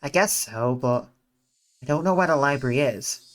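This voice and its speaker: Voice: medium pitch, expressive, moderate pace, lightly acted. A reader voicing an ordinary teenage schoolboy in a visual novel, in a plain, slightly reluctant tone close to their own voice. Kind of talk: reading a visual novel aloud.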